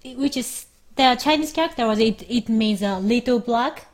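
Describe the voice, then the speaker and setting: A Japanese woman co-hosting a casual chat in English, with a Japanese accent and a slightly high voice. She speaks in halting phrases and often pauses to find the right word. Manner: halting, searching for words. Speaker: podcast co-host.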